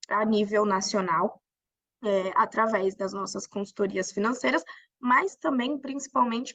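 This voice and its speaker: A woman's voice: on the high side, a bit bright, no room sound. A woman presenting an academic paper online, often adding "né?". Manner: explanatory, with frequent "né?" tags. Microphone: video call.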